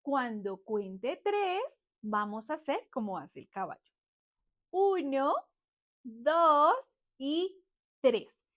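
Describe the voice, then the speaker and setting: A young woman with a high voice leads a cheerful lesson for small children. She speaks slowly and in an exaggerated sing-song, stretching her words and sometimes imitating animal sounds. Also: very animated, a bit bright, highs cut off. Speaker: children's teacher.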